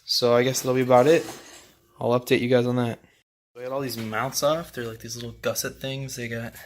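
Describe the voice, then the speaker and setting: Young male home mechanic, casual how-to talk, monotone, chatty and unhurried. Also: medium pitch. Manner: relaxed, rambling, many fillers. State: out of breath. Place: home garage.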